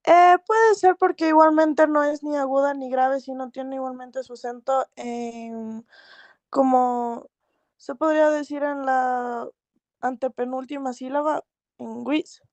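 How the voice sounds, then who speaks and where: A woman's voice: high-pitched, steady tone, a little slow, darkish tone, no echo. A woman student answering her teacher's question on a video call, hesitant and searching for words. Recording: dull dry call audio.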